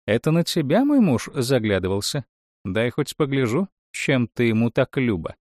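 A man's voice: medium pitch, sing-song, normal speed, a little mellow, no echo, studio quality, close to an everyday voice. A man voicing a haughty, vain tsarina who gives commands in an imperious, grand manner.

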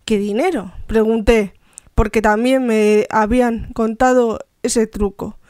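A woman reading a novel aloud on radio, measured and deliberate. Her voice sits fairly high and is notably clear, with a very slow pace and a dry studio sound. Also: level tone, darkish tone, no room sound. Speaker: radio reader.

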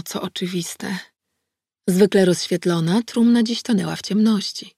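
A woman reading a first-person audiobook in a measured, wry storytelling manner on a close mic. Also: mid-range voice, creaky, dark tone, breathy edge, dry recording. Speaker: audiobook narrator.

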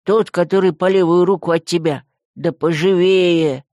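A woman voicing a grumpy, rude male talking skull staff in an audiobook, gruff and scolding. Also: lowish voice, steady tone, normal speed, warm tone, no room sound, clean studio sound, close to an everyday voice. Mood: commanding. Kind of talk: audiobook character voice.

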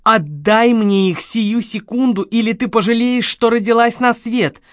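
A woman reader plays a spoiled wealthy client in a rage. She barks and hisses her threats slowly and loudly. The recording is dry and close. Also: a little high, sing-song, no room sound. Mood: furious. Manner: shouting, hissing, slow menacing. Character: furious rich woman client, spoiled and vicious.

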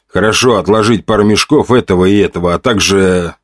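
A man's voice: sits low, brisk, no room sound, studio quality. A man doing a barking army commander. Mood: gruff. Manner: barking orders.

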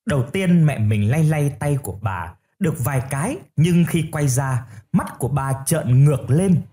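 A man narrating a first-person ghost story in a steady storytelling manner. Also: on the high side, moderate pace.

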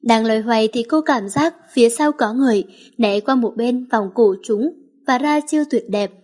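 A woman narrating a romance story in a brisk, even reading. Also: a little high.

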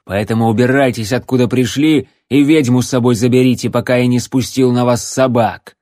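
A man voicing a coarse, surly male hermit hunter who hates people and shouts insults. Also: normal speed, no echo, clean studio sound, natural voice. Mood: scornful. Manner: shouting insults, later shrill panicked falsetto.

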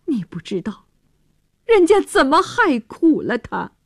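A woman voicing an angry young man who bitterly confronts his sister in a told story, her voice climbing and getting louder as he accuses. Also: sits high, big pitch swings, measured pace, vocal fry, dry recording, studio quality, pitched above the performer's own voice, full character voice.

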